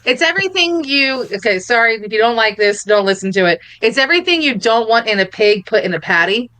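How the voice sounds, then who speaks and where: Bright-voiced Philly woman gushing about food. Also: a little high, animated, fairly quick, clear, resonant tone, no room sound. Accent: Philadelphia and North Jersey. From Philadelphia area. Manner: enthusiastic, laughs often, rambling food descriptions. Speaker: podcast co-host. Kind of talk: casual chat.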